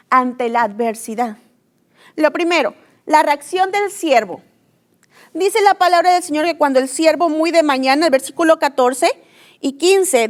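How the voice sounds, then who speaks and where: High-voiced woman preaching a sermon. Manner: earnest storytelling of scripture, acting out quoted cries.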